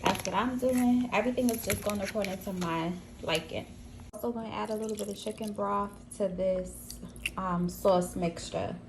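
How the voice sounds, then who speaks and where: A woman's voice: medium pitch, normal speed. A young American woman chatting informally as she narrates chores and cooking for a home vlog. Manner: informal, conversational. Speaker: home vlogger. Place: indoors at home, kitchen. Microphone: handheld camera. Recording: clear household noise behind voice. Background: household appliance noise.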